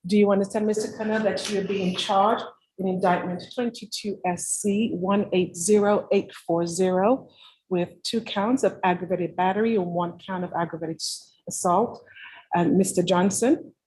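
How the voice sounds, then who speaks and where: A woman's voice: medium pitch, fairly even intonation, moderate pace, a little mellow, low-quality recording. Woman reading formal court oath questions. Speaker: court clerk.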